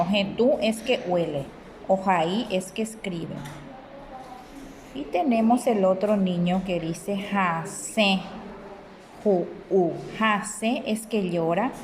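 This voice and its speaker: Woman teacher, very slow, deliberate syllables, faint background noise. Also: mid-range voice. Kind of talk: slow recorded remote lesson.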